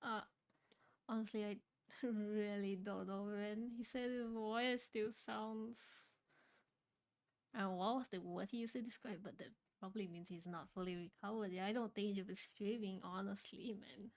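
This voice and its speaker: A woman hosting a live stream in casual chat, talking freely with lots of fillers and getting loud when surprised. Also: mid-range voice, fairly even intonation, normal speed. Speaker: streamer host.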